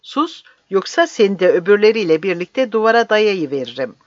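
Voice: mid-range voice, big pitch swings, normal speed, a bit bright, dry recording. Reader doing stern male captain, blunt, threatening, dry lo-fi audiobook sound. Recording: dry, slightly dull lo-fi audio.

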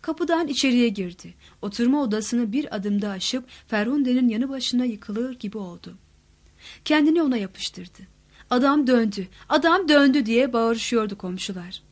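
A woman reads literary fiction aloud in a soft, hushed manner. Her voice sits a little on the high side and sometimes sinks close to a whisper. It is a calm, steady audiobook narration. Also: moderate pace.

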